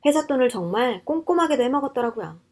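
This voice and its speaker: A woman narrating a first-person story in a steady, matter-of-fact way, as a scripted radio-style reading. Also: high voice, fast talker.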